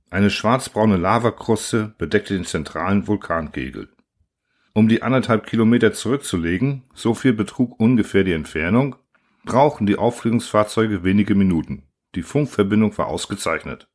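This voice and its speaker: A man narrating a novel in a measured, even storytelling manner. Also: fairly low pitch. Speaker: audiobook narrator. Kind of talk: scripted narration.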